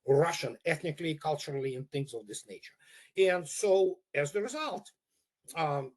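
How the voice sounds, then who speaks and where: A man talking as a guest analyst in an interview, halting with fillers. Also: a little high, animated. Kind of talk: casual interview talk.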